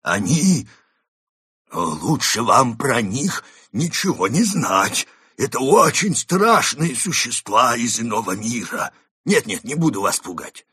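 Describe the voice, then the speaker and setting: A man's voice: medium pitch, very animated, slow, pushed and bright, husky, no room sound, studio quality, voice pushed up, exaggerated voice. A man voicing a fussy, nervous ghost wolf who lectures and warns, in a storybook reading. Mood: fussy warning. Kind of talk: audiobook character reading.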